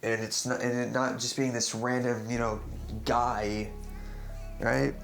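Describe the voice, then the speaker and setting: A young YouTuber rambles unscripted about a game theory, stuttering often, restarting sentences, and tacking "right?" onto his points. His mid-range voice has a level tone, a slightly slow pace, and vocal fry, with music playing in the background.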